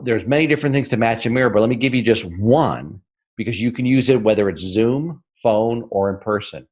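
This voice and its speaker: Energetic man teaching sales on a podcast. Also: fairly low pitch. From northern United States. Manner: energetic and emphatic, keeps asking "right?"; speeds up and slows down for emphasis. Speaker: podcast guest, sales and marketing expert. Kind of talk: interview, teaching.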